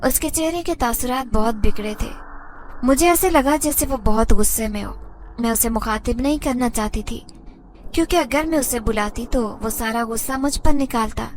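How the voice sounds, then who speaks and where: A woman telling a first-person horror story in a steady, dramatic voice. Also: fairly high pitch, a little hiss or hum. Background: faint background music.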